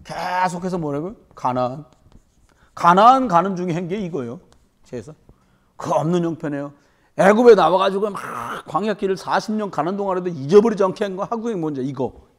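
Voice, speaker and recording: Animated woman pastor preaching. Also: lowish voice, a little fast. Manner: animated preaching with rhetorical questions to the congregation. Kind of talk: sermon. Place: church service.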